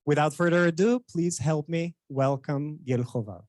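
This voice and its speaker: Man with a dry, higher voice. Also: normal speed, a little mellow, dry recording. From Bulgaria. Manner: hesitant, with frequent fillers and restarts. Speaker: Hebrew instructor introducing a guest speaker. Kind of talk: formal introduction with acknowledgements.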